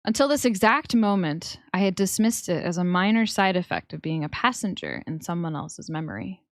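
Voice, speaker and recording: A young woman streamer reading a story game aloud with slow, expressive narration. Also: lowish voice, no echo, clean studio sound.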